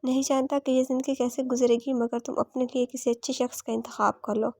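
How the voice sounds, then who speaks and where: A man's voice: very high-pitched, flat delivery, a little fast, dark tone, dry recording. A woman reading the lines of a weary, dutiful married man in a romance audiobook. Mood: weary, firm. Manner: read plainly in the narrator's voice.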